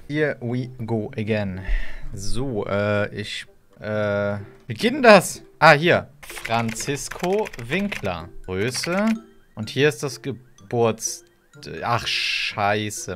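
Lively young man streaming, bright voice. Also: lowish voice, slow pace, a little hiss or hum. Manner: mock-dramatic, shouting in character. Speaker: streamer playing online role-play. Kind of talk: loud playful gaming commentary.

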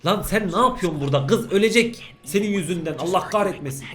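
A young man narrates a reaction video in casual, excitable commentary, full of slang. His voice sits high and swings widely in pitch. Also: quick pace, faint music behind. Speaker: YouTube reaction host.

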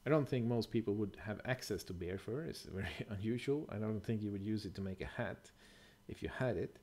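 This bushcraft presenter, a middle-aged man, talks a little fast in a fairly low, slightly mellow voice for a relaxed explanatory voice-over. He comes across as thoughtful yet somewhat hesitant, dropping in fillers and fixing his own wording.

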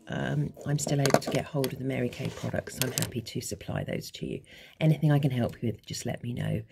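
A woman's voice: low voice, creaky, warm tone, a little hiss or hum. A woman, a makeup artist, giving a casual makeup tutorial at home in a chatty, informal way while demonstrating as she goes. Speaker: makeup artist and beauty coach.

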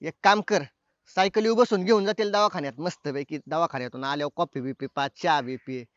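A man's voice: on the high side, fairly quick, no room sound, dull audio. A man acting in a rural comic skit, teasing and advising in village speech. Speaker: village comedy sketch actor.

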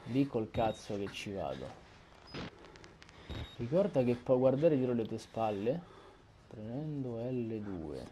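Through headset earphones, a young gaming YouTuber commentates a horror game, jumping at scares and swearing at what appears on screen. His voice is lowish with a dark tone, and background noise can be heard.

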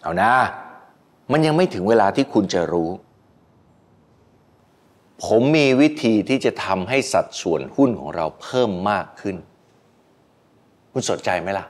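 An actor playing a scheming ousted executive who speaks persuasively and drops to a secretive hush. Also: male voice, lowish voice, big pitch swings, a little slow, long pauses.

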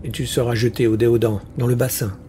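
A man's voice: medium pitch, flat delivery, quick pace, mellow, slight background noise, close to an everyday voice. A man voicing an arrogant, scheming prince in an audiobook fantasy tale, speaking scornfully and commandingly.

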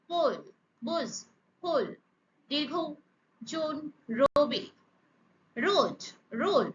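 A woman teaches pronunciation in a high, bright voice. She spells out sounds one at a time, slow and emphatic. The recording is slightly muffled and lo-fi. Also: slight background noise. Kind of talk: slow, deliberate pronunciation lesson.

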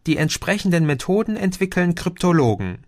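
A chatty, cheeky young woman, read by a male audiobook narrator who lifts his voice for her. She talks brightly and tosses in questioning tags at the ends of her lines. The recording is dry and close. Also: high-pitched, fairly quick, dry recording, voice pushed up. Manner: lively, often ends with a questioning "oder?".

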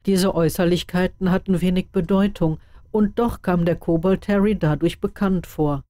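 Woman, story narrator, calm even reading, low voice, mellow dark tone, dry close sound. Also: normal speed, no echo. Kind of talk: audiobook reading of fan fiction.

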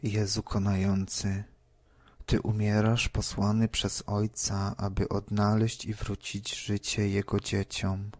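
A man reading scripture and prayers in a measured, reverent style. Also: on the low side, darkish tone, dry recording. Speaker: devotional reader. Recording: dry close voice.

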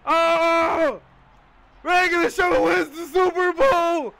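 A man doing excited gameplay commentary with a long, drawn-out goal yell in the style of a sports announcer. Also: very high voice, heavy background noise.

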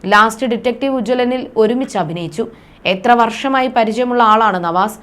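A woman presenting a scripted news report in a formal, even reading style. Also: fairly high pitch, moderate pace.

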